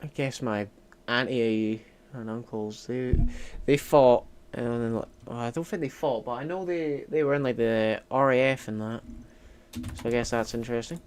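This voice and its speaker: A man's voice: mid-range voice, steady tone, moderate pace, a little mellow, a little hiss or hum. A Scottish man streaming a strategy game, chatting casually and rambling with lots of "like" fillers. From Scotland. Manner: rambling, heavy use of "like" fillers.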